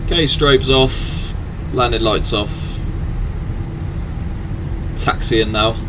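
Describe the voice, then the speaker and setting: A man's voice: mid-range voice, drawn-out words. A man giving casual live commentary mixed with clipped pilot callouts. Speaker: flight simulator pilot streaming. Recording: clear background aircraft and vehicle noise.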